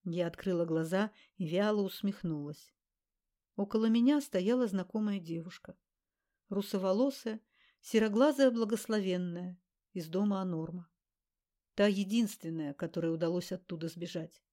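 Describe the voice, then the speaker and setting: A woman narrating an audiobook in the first person with an even, measured reading. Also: mid-range voice.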